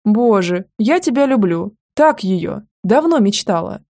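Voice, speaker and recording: A woman voicing a lively, sly young woman who talks in a brisk, teasing way. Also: mid-range voice. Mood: delighted.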